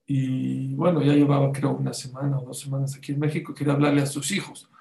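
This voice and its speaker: A man's voice: mid-range voice, little pitch movement, quick pace, vocal fry, warm tone, reverberant. A man giving a sermon-style talk as a religious teacher, putting rhetorical questions to his audience and quoting Hebrew sources.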